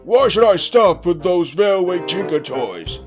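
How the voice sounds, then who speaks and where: Man as George the Steamroller, slow sneering bully. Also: high-pitched, animated. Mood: irritated. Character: nasty, arrogant male steamroller who hates railways. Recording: music behind the voice.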